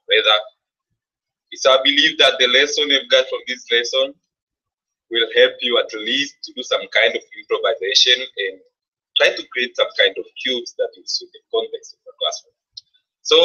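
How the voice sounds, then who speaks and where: A man's voice: mid-range voice, sharp tone, breathy edge. A man wrapping up a teacher training session, earnest and often rephrasing himself. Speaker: workshop presenter. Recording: dull lo-fi classroom recording.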